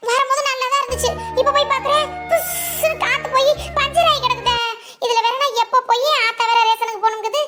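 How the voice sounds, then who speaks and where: A woman's voice: very high-pitched, steady tone, quick pace, bright, forceful tone, soft background music. A woman voicing a chatty, scheming young village woman in a cartoon, with a Tirunelveli Tamil accent and a whiny, sing-song way of complaining. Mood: fretting. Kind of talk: cartoon voice acting.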